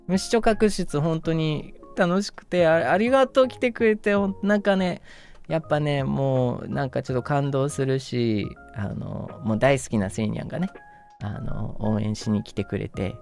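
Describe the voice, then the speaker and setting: A man's voice: on the high side, normal speed, vocal fry, darkish tone, soft background music. A man with a Kansai accent streaming casual chat to fans, rambling, gushing thanks and laughing often. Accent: Kansai Japanese. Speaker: virtual streamer.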